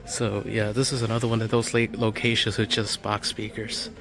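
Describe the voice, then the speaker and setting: In a flat, fairly low voice at a moderate pace, a vlogger offers casual commentary while walking a large warehouse store. It's recorded on a handheld phone or camera, with the store's ambient noise coming through clearly.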